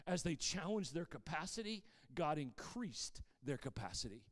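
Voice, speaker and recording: A man preaching a sermon as pastor, animated, swinging between loud emphatic bursts and quieter, fast asides to the congregation. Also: a little high, in a large hall.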